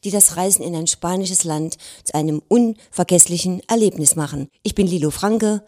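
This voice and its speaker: Woman radio reporter, mellow tone, measured scripted sign-off. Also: fairly low pitch. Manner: measured, announcing.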